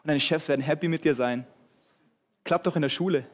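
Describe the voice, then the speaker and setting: A male preacher giving an energetic, humorous sermon, addressing the audience directly. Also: on the high side, brisk.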